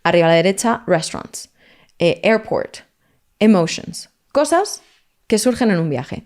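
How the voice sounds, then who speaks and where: Lively woman teaching languages. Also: medium pitch, measured pace. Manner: lively, explanatory, mixes in English words. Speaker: language teacher, guest expert. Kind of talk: podcast interview, explaining.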